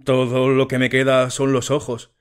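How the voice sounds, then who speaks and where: A man voicing a generous, sorrowful male prince statue in an audiobook reading, speaking gently and solemnly. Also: medium pitch, completely flat delivery, moderate pace, smooth, natural voice. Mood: sorrowful gentle.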